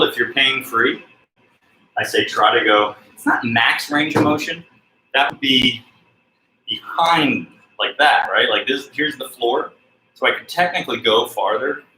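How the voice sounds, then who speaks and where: A man working as a fitness trainer who talks through exercises in a relaxed, chatty way, recorded indoors on a camera mic from a distance. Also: mid-range voice, unhurried, long pauses, slight background noise. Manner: relaxed, chatty coaching with fillers. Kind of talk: casual workout instruction. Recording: roomy sound from a distant mic.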